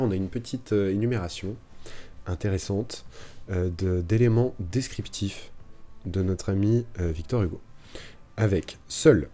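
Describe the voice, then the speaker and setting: Deep, dark-voiced man explaining a poem. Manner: thinks aloud with many fillers and restarts. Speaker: French literature teacher streaming revision. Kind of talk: live-streamed lesson, casual explanation. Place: home streaming setup. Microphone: streaming microphone.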